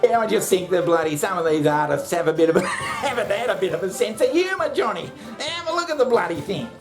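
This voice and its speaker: A man's voice: high-pitched, expressive, fast talker. A man on a casual comic rant, blunt and sweary, full of fillers and chuckles. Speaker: commentator on the show. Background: music.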